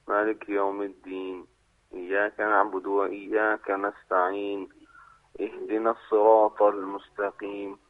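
A man from Iran phones in to a radio program, his low, monotone voice thinned by a tinny phone line. He recites steadily and speaks with formal courtesy. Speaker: caller. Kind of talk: recitation and polite phone chat. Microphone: telephone.

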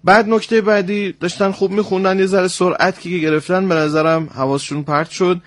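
A man's voice: sits high, steady tone, no echo. Man teaching recitation on radio. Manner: explains points slowly, demonstrates sounds. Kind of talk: instructional radio talk.

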